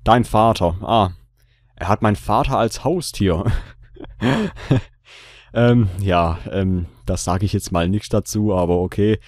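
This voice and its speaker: A man's voice: lowish voice, slow, darkish tone, no room sound. A man hosting a gaming video in casual commentary, joking and repeating his own lines aloud. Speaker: let's play host.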